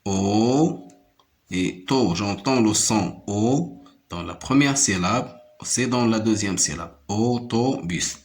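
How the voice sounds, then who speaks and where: A man teaching a lesson to young pupils. He repeats each word slowly, counts out its syllables and switches between French and Arabic to explain. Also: lowish voice, lively intonation. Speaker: primary school French teacher. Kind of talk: slow classroom-style lesson.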